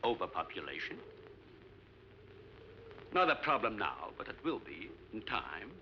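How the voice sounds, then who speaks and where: An actor in a 1950s movie plays an older scientist playing host on an island, speaking in an earnest, formal, explanatory way. His fairly low voice is very animated and measured in pace, and the dull old film audio has faint music with a little hiss or hum.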